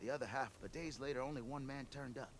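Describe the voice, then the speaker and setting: An actor playing a blustering, scheming expedition boss in a video game, with the theatrical, wheedling patter of a petty crook. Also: male voice, mid-range voice, fast, a little hiss or hum, close to an everyday voice. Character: blustering, scheming male chief delver and expedition leader. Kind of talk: video game character acting.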